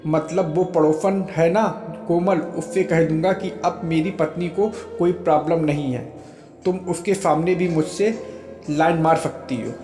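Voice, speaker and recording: A man's voice: a little high, steady tone, a little slow, close to an everyday voice. A man reading a teasing young soldier husband. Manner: joking, teasing, laughing. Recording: roomy echo with faint music.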